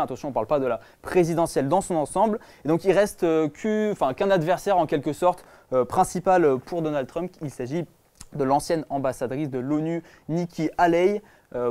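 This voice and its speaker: Young male co-host, rapid and halting, slightly high voice. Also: mellow. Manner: quick, hesitant, many fillers. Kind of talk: casual news chat show.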